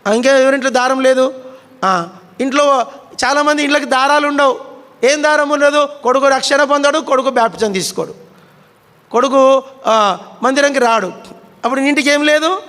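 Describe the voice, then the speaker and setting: A man's voice: very high-pitched, normal speed, pauses often, sharp tone. A male pastor preaching to his congregation. He poses questions, answers them himself, and calls on people by name. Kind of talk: sermon. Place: large church hall. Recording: reverberant church hall.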